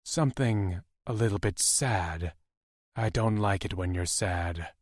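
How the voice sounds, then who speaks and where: A man voicing a big, protective male werewolf who speaks softly in a low, husky voice. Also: unhurried, dry recording, clean studio sound. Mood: tender, gruff.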